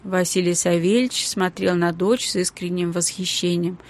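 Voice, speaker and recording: A woman narrating a children's book audiobook in a calm, even storytelling manner. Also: fairly low pitch, normal speed. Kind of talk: scripted narration.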